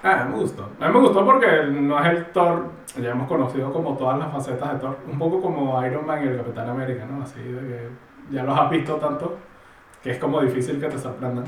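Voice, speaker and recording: Man, relaxed slangy chat, recorded far from the mic. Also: mid-range voice, quick pace, slight background noise. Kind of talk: casual chat. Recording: roomy and distant from the mic.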